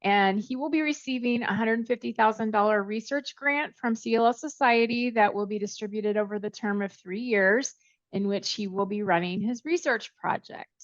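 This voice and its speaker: A woman's voice: mid-range voice, normal speed, no room sound. Lady host asking prepared questions, upbeat, dry dull sound. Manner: polite, upbeat introductions. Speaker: interview host. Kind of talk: scripted interview questions.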